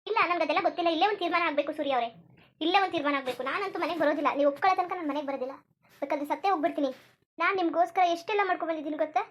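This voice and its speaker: A woman voices a lovesick, clingy young cartoon character in Kannada, pleading desperately and repeating herself insistently. Her voice is high-pitched and close to her everyday voice, and her delivery is rapid-fire.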